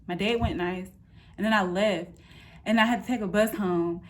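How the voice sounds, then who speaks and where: A thirty-year-old woman vlogger gives a casual personal update from inside an apartment room. Her voice sits at medium pitch and moves at a moderate pace. She's candid, informal and slangy, retelling things animatedly with quoted asides.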